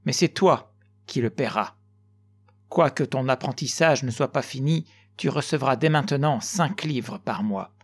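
A man's voice: medium pitch, a little slow, breathy edge. Kind older master craftsman, firm and reassuring, voiced by a male narrator.

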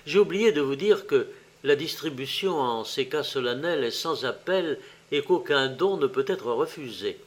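A man narrating a literary tale, reading slowly and expressively with wide swings in loudness. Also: medium pitch, animated.

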